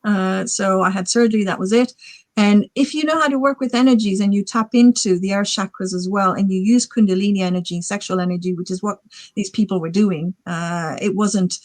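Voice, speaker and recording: A woman's voice: medium pitch, fairly quick, a little mellow, dry recording. A woman in her forties, a guest author, talking casually on a podcast in a rambling, enthusiastic way full of fillers. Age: 40s.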